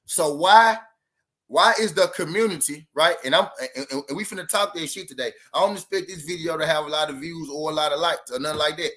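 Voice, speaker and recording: A man hosts a boxing channel live stream, talking casually and profanely, repeating himself and saying he is high. His voice is fairly high, brisk and a bit bright.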